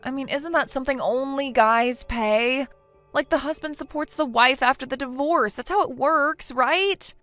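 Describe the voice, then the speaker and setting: A woman's voice: high-pitched, normal speed, fairly bright tone, dry recording, soft background music. A synthetic female voice playing a defensive, self-pitying wife who talks in a hesitant, whiny way. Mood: anxious.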